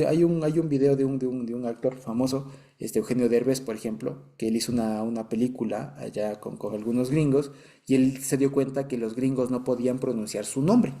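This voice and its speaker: A man's voice: mid-range voice, dark tone. A man with an Ecuadorian accent teaching a Bible study, explaining patiently, checking that listeners follow and chuckling now and then. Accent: Ecuadorian Spanish. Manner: explanatory, keeps checking understanding.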